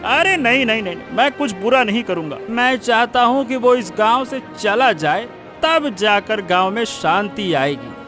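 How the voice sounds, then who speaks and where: Over music, a man with a high, expressive voice acts in a Hindi cartoon moral story at normal speed. He plays a scheming, spiteful village cheat who is argumentative, blustering and insistent, his mood scheming and persuasive.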